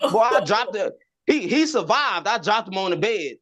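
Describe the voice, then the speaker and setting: A man doing a stand-up set, telling animated stories and often repeating his words as he stammers. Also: sits high, measured pace. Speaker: stand-up comedian.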